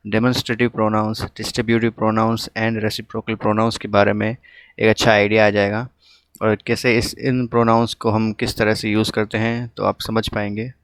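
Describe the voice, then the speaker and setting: Man, grammar teacher, low voice, flat delivery, dry close sound, pauses with fillers. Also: no room sound. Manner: steady explaining tone with frequent "अ" fillers. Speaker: English teacher. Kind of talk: recorded online grammar lesson in Hindi.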